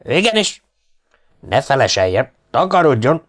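A man reading an audiobook, voicing a stern Foreign Legion major who bursts into shouted fury. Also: medium pitch, close to an everyday voice. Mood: raging. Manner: curt, bursts into shouted raging. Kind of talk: audiobook character voice.

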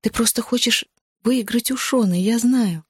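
Casting: woman doing an anguished young woman, higher and louder, tearful accusations. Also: normal speed, breathy edge, dry recording, studio quality. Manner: raised, tearful, pleading outbursts.

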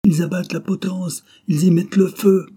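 A man voicing a dying, hateful man who shouts in strained, choked bursts. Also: mid-range voice, moderate pace, creaky, husky. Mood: enraged.

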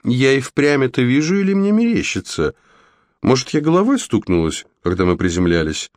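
A man voicing a vain, dim-witted young queen in a storybook reading, with shrill, flustered squeals. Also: very animated, normal speed, darkish tone, dry recording, clean studio sound, natural voice. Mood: bewildered.

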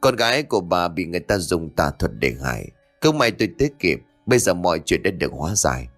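A man's voice: low-pitched, very animated, fast, fairly bright tone, faint music behind. A man playing a stern middle-aged exorcist who speaks curtly and gives orders. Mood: commanding.

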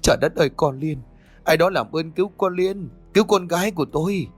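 A man's voice: a little high, brisk, faint music behind, voice pushed up, lightly acted. A man narrator voicing a frantic, grieving elderly mother who wails and pleads. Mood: wailing. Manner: wailing, pleading.

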